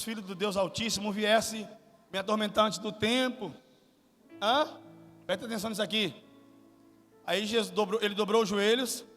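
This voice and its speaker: A guest pastor from Salvador, Brazil, preaches in a high-sitting voice in a church hall, questioning the congregation and building up to shouted climaxes. Long hall reverb and faint music fill the recording.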